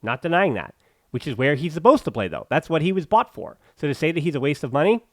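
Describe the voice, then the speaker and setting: Emphatic podcast host, dry close mic. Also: male voice, a little high, very animated, fast talker, no echo. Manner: emphatic, ranting, sarcastic asides. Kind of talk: opinionated football analysis.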